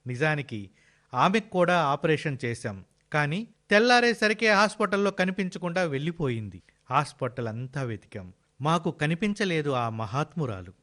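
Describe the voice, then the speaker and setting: A man's voice: a little high, fairly bright tone. A man playing a kind hospital doctor who explains things earnestly.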